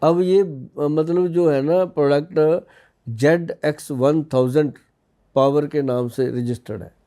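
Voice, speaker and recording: A man's voice: on the high side, fairly even intonation, takes it slowly, dark tone. A man from India in his fifties, an Ayurvedic expert on a podcast, explaining in a folksy way with personal anecdotes. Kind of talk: casual podcast interview.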